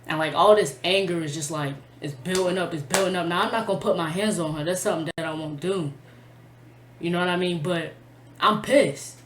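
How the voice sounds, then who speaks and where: A woman's voice: lowish voice, a little hiss or hum. A woman telling a personal storytime to camera in a blunt, profane, emotional way, full of slang. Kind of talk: casual storytime vlog. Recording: echoey room.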